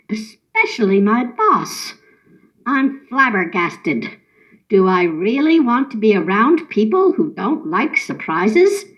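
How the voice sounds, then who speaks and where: A woman's voice: a little high, highs cut off. A woman delivering a comic monologue as a patient telling her doctor about her surprises, chirpy, self-satisfied and oblivious.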